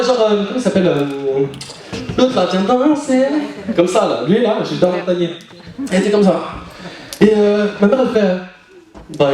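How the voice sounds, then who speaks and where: A young man from France performing stand-up comedy, chatty and animated, now and then putting on character voices. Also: on the high side. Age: young adult. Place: live comedy venue, audience. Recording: echoey hall, far mic, crowd laughing.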